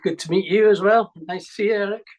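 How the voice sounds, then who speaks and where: An older man from Scotland with a Scottish accent, a musician recalling his childhood in an interview with many pauses and restarts. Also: high-pitched, fairly even intonation, darkish tone, rough recording. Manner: hesitant, full of ums and restarts. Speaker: musician guest. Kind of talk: reminiscing interview.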